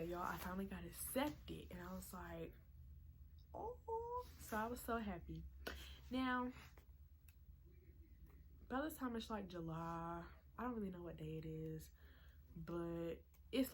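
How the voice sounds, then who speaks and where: A woman around twenty telling a storytime vlog in a chatty, excitable way, full of "like" and "y'all". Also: fairly low pitch, brisk, gravelly, slight background noise, low-quality recording. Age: 20s. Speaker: vlogger.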